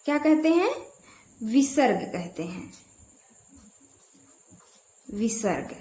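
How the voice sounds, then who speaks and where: A woman's voice: on the high side, very animated, slow, warm tone. A woman teaching a grammar lesson, asking her own questions and repeating key terms to drill them. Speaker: Hindi teacher. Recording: echoey room.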